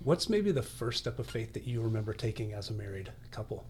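A man's voice: lowish voice, very animated, a little fast, a little mellow, a little hiss or hum. A man hosting a podcast, asking questions and affirming his guests in an encouraging way. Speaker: podcast host. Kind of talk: interview.

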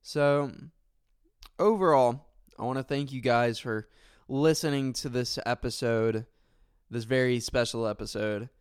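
A man's voice: mid-range voice, unhurried, smooth, dry recording, clean studio sound. A man hosting his own podcast, talking casually and sincerely in a rambling way, full of fillers and self-corrections. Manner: sincere and thankful. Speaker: podcast host. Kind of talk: casual solo podcast talk.

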